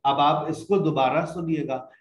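A man with a fairly high voice teaches spoken English at a slow, unhurried pace. He explains patiently and mixes English phrases into his lesson. He is recorded in an echoey room with faint background noise. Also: steady tone. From Pakistan.

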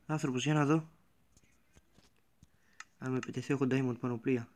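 A young man giving let's-play commentary on a game. He swings between quiet muttering and panicked, sweary yelling. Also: mid-range voice, fairly even intonation. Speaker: gamer.

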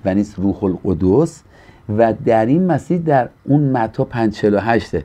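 This Iranian pastor has a fairly low, dark-toned voice with lively intonation. He teaches earnestly in a preacherly style on a studio talk show, giving quoted figures a more animated voice.

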